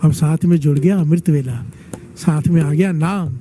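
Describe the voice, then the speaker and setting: A man's voice: fairly high pitch, normal speed, mellow, slight background noise. A man giving a devotional sermon, telling stories and urging the congregation to chant responses back to him. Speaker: preacher leading a devotional gathering.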